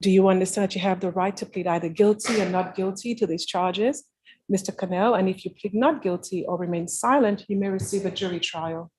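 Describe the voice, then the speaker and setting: A woman of middle pitch reads out oaths and plea questions in a formal, scripted way as the court clerk. A faint noise sits under her voice. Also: fairly even intonation, brisk, darkish tone, poor audio.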